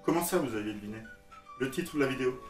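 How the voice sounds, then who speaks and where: A man's voice: medium pitch, expressive, quick pace, echoey room, recorded from a distance, soft background music. A man from Alsace with an Alsatian French accent, giving a jokey, teasing comic monologue straight to his viewers. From Alsace, France. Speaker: vlogger.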